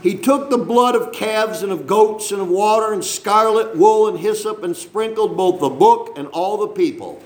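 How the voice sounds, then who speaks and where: A high-voiced man preaches at normal speed with hardly a pause, his voice echoing in the space. He reads scripture and explains it conversationally, often questioning the congregation and tossing in jokes.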